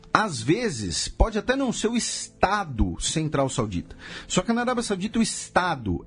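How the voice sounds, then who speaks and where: A Brazilian man hosts a podcast and explains history in a casual, lively way. His voice sits fairly high and swings widely in pitch. He throws in rhetorical questions and sarcastic asides over faint background music. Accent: Brazilian Portuguese.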